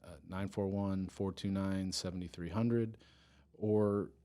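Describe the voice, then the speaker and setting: A man with a very low, deep voice talks through a casual podcast interview about his police department's work. He is earnest, stops and restarts often, and laughs easily. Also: steady tone, takes it slowly, mellow. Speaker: police department chief of staff, guest.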